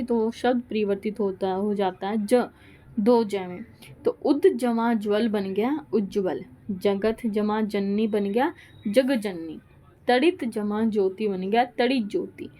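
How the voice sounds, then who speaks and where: A woman's voice: mid-range voice, darkish tone. A woman giving a Hindi grammar lesson, explaining rules step by step and repeating each example aloud. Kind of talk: classroom lecture.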